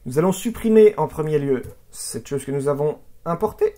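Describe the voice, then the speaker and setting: A video editing instructor giving a software tutorial, chatty, asking rhetorical questions and often restarting words. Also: mid-range voice, expressive, moderate pace. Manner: chatty, with frequent "hop", "voilà" and "hein" fillers; asks rhetorical questions and answers them.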